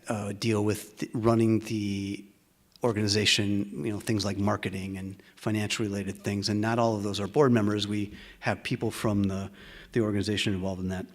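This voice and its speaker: A man opening a community gathering as its vice president, giving welcome announcements at a halting pace full of uh and um fillers. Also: on the low side, a bit bright. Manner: halting, frequent uh and um fillers, tries to slow down. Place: meeting room with a live audience.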